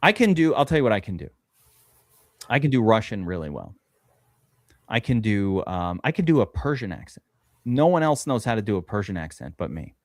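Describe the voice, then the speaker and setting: A fairly low-voiced American man, brisk yet prone to long pauses, has a sing-song delivery while hosting a live fantasy football draft. His casual stream chat turns into a long, rambling story thick with profanity and fillers. There is no echo.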